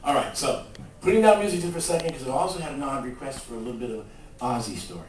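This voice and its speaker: A man telling comic stories on stage in an animated way, acting out the voices. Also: mid-range voice, quick pace, a little hiss or hum. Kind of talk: comic live storytelling. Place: stage at a live show. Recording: roomy live stage from far off.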